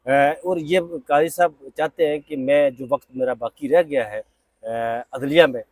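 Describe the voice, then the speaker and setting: Casting: male court reporter, insistent, slightly high pitch, dry studio sound. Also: measured pace, no room sound. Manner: emphatic, insistent, rises sharply when arguing. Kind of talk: political talk show discussion.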